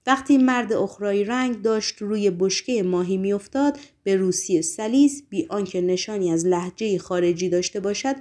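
A woman's voice: medium pitch, hardly any pauses, darkish tone. Woman narrating a story expressively. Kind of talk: audiobook narration.

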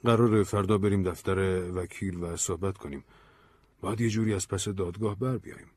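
A man voicing a weary, earnest man who explains himself calmly in an audiobook story. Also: deep voice, dry recording. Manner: measured, tired. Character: weary, earnest man, Ben, calm and burdened.

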